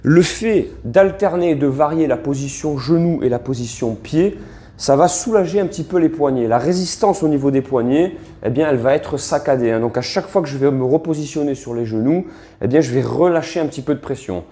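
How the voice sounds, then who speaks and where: A man coaching a fitness exercise in a relaxed, chatty way, often checking in with the listener as he demonstrates. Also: mid-range voice, fairly quick. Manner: relaxed, chatty coaching with frequent "hein" and "d'accord".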